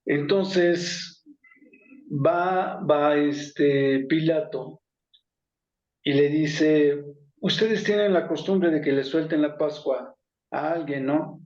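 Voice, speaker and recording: A man, his voice pitched a little high, leads an informal Bible study. He talks in a loose, conversational way, full of fillers and self-corrections. The sound is echoey and muffled, as if recorded in a hard room on lo-fi gear. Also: extremely slow, a little mellow.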